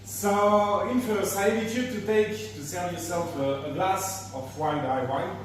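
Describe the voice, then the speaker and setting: A man's voice: high voice, measured pace. A man with a French accent working as a sommelier, leading a wine tasting for visitors in a hesitant way with many fillers. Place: wine shop tasting room, indoors. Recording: roomy, echoing, distant, noisy.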